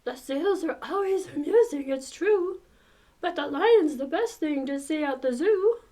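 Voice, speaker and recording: A woman's voice: sits high, expressive, unhurried, warm tone. A woman voicing a shy, restless male emu from a children's storybook, speaking simply in a childlike manner. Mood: declaring.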